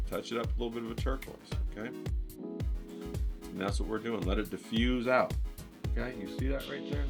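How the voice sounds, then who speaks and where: Upbeat man teaching watercolor painting. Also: mid-range voice. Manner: upbeat, coaxing, keeps checking in with viewers.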